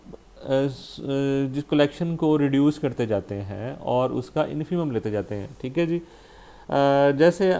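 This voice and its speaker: Mellow-voiced man lecturing on math. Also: fairly high pitch. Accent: Pakistani Urdu. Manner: explains step by step, frequent "theek hai ji" checks; mixes English math terms into Hindustani. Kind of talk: recorded lecture.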